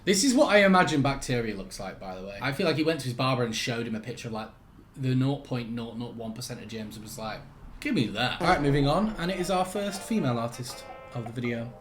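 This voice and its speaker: A man's voice: medium pitch, lively intonation, fast talker, faint music behind. A young man hosting a reaction video, talking sarcastically, mocking and swearing freely.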